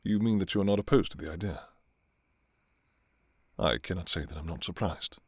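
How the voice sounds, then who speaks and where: Man acting as a vampire king, deep breathy voice, formal old-fashioned speech, restrained longing, intimate ASMR role-play, close dry sound. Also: normal speed, dry recording. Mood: earnest, admiring. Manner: formal, archaic, hesitant, soft-spoken. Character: courtly adult male vampire king, restrained, yearning for his enemy.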